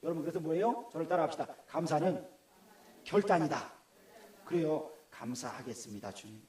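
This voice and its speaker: A man's voice: a little high, normal speed, mellow. A middle-aged man with a Gyeongsang Korean accent, preaching a sermon in a conversational way and asking the congregation questions. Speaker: pastor. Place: church hall. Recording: echoey church room.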